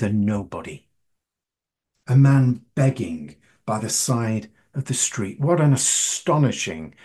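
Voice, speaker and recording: A man's voice: medium pitch, darkish tone, breathy edge. A man, preaching a sermon and putting questions to his listeners with emphasis. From northern England.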